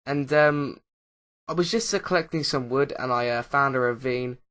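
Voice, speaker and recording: A Minecraft Let's Player on YouTube talks casually over his gameplay footage, hesitant and packed with uh and um fillers, often losing track mid-sentence. His voice is medium-pitched and a bit bright, at normal speed.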